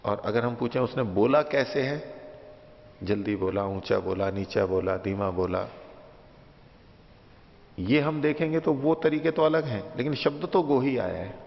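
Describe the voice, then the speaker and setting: A man with a gravelly voice teaches a class, patient and methodical, working through each point and repeating it with everyday examples. His voice rings with a long reverb, as if recorded in a large hall. The sound is muffled and dull. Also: medium pitch, expressive, a little slow, pauses often. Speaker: teacher of philosophy. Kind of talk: explaining a text to a class.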